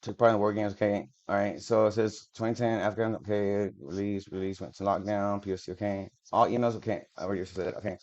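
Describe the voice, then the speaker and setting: Fast, with few pauses, this man speaks in a lowish, slightly mellow voice with a level tone. As a video creator reading official documents to the camera, he stumbles over wording and breaks off for casual, profane remarks. The audio is dull and lo-fi.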